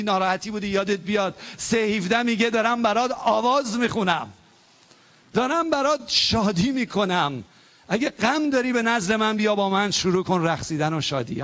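A male pastor preaching a sermon, exhorting his congregation and leading them to repeat prayers aloud, his voice swinging between lively passages and low, hushed prayer.

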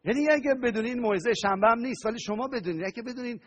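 A male pastor preaching an animated sermon to a live congregation, often asking them questions and having them answer back. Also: very high-pitched. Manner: animated preaching with call-and-response questions to the audience.

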